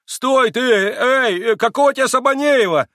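A man voicing an agitated, dim-witted young clerk who shouts and repeats himself in a storybook reading. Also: high-pitched, a little fast, dry recording, studio quality, pitched above the performer's own voice. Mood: agitated shouting. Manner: shouting, repetitive, flustered.

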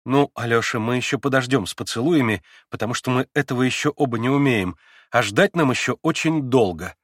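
A man reading an audiobook, voicing an emotional, shy and teasing teenage girl who swings quickly between moods. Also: mid-range voice, dry recording, studio quality, lightly acted. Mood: earnest.

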